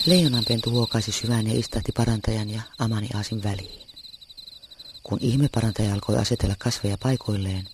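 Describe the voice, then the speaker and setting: A man reading a children's story aloud with measured, even narration. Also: fairly low pitch, heavy background noise. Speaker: reader.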